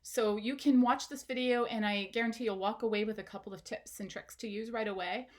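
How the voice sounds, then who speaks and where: A woman's voice: on the high side, fairly even intonation, fairly quick. A woman, a parenting educator, giving an instructional talk straight to the viewer, asking questions and encouraging them.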